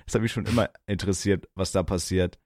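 A man's voice: low voice, fairly even intonation, fast talker, a little mellow, no room sound, clean studio sound. A young man co-hosting a podcast, joking crudely and teasing his friend in casual chat. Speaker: podcast co-host.

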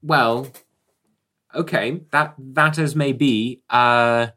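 A man's voice: medium pitch, fairly even intonation, extremely slow, pushed and bright. A man voicing a nervous, overly polite male hotel concierge who stammers as he talks. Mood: evasive.

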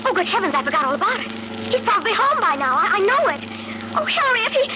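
An anxious, guilt-ridden heroine of a 1940s radio drama. Her voice is high, hesitant and pleading. Loud noise covers the old recording. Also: big pitch swings, quick pace, highs cut off. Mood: pleading, worried. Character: anxious, guilt-ridden woman in illicit romance.

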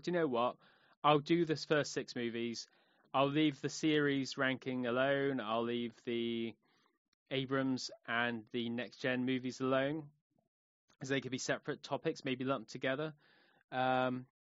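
A man's voice: mid-range voice, a bit bright, dry recording. A man rambles through his solo podcast, full of "um"s and restarts. His voice sits in a middle register. It is recorded dry and a little muffled, like a cheap home setup. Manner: rambling, many fillers and restarts. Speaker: podcast host.

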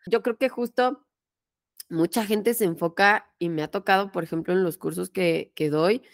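A woman's voice: fairly low pitch, normal speed, dry recording. Woman, Mexican accent, podcast host, emphatic, swears freely, dry sound. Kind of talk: casual chat.

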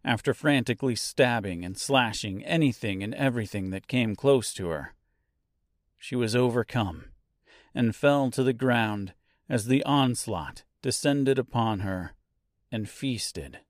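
A man's voice: medium pitch, lively intonation, a little slow, no echo, clean studio sound. A man reading a novel aloud as scripted narration, drawing out key words for drama. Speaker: audiobook narrator.

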